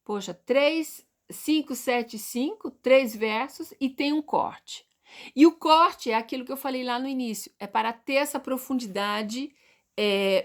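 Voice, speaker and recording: A woman with a Brazilian Portuguese accent and a fairly high voice explains poetry to her viewers. She poses questions and answers them herself, and she breaks example words down slowly. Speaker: poetry teacher.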